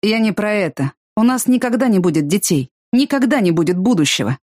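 A woman reading the lines of a blunt, bitter young man of twenty in an audiobook, in a flat, matter-of-fact way. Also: mid-range voice, fairly quick, dry recording, studio quality. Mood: despairing.

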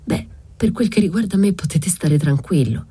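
A woman's voice: low voice, animated, normal speed, mellow, husky, heavily acted. A woman voicing a wounded nobleman soldier, impatient and ironic, giving curt, dry replies.

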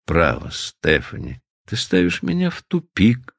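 A man reading an audiobook plays a jealous, grave middle-aged lover who speaks low, sullen and restrained. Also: huge pitch swings, measured pace, gravelly, fairly bright tone, no echo, clean studio sound, heavily acted.

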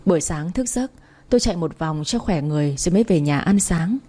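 A woman's voice: fairly low pitch, animated, fairly quick, warm tone. A young adult woman reading a first-person story aloud in a firm, lecturing manner. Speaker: narrator.

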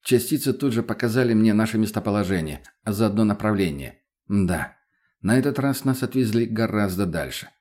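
A man's voice: fairly low pitch, animated, fairly quick, darkish tone. A man reading a first-person story in a dry, matter-of-fact way with casual slang. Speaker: narrator. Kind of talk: first-person audiobook narration.

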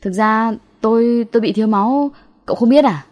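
A plaintive, cowardly young man from a ghost audiobook, acted by a woman. He protests in a raised, whining pitch. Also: fairly quick, a little mellow, lightly acted. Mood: whining, reluctant. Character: whiny, reluctant young man, cowardly exorcist's sidekick.

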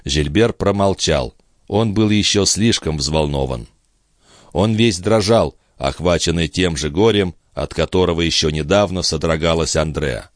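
A man narrating a classic novel as an audiobook, in a measured, expressive manner. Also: sits low, dry recording, clean studio sound. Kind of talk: scripted literary narration.

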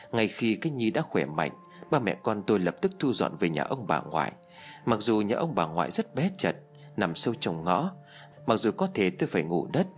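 A man reading a first-person novel aloud as an audiobook narrator, telling it expressively. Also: fairly low pitch. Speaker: audiobook reader.

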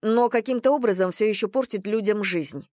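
A reader voicing a quick-tempered young woman who talks sharply and bluntly. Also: medium pitch, no echo, clean studio sound, voice pushed up, natural voice. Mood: fierce. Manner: sharp, forceful.

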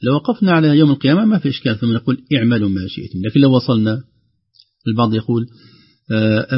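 A man gives a radio lesson on Quran recitation. His voice is husky and his delivery is calm, slowing right down whenever he demonstrates a word. The sound is a dull, lo-fi broadcast. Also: medium pitch. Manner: explains calmly, slowly modelling word pronunciations.

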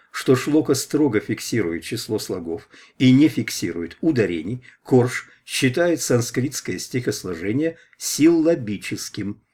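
A man reading a scholarly preface aloud as an audiobook, at a measured pace. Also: mid-range voice, a little mellow. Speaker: audiobook reader.

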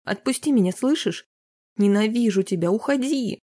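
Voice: medium pitch, moderate pace, mellow, voice pushed up, lightly acted. A reader voicing a frightened but defiant young wife in an audiobook. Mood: desperate. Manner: defiant, pleading. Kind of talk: audiobook character reading.

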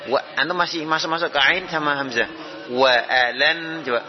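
A man's voice: a little high, quick pace, crowd noise. A man teaching Quran recitation, giving short repeated corrections and modeling sounds for students. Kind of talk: correcting students' pronunciation in class. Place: classroom with students. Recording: muffled classroom recording, group audible.

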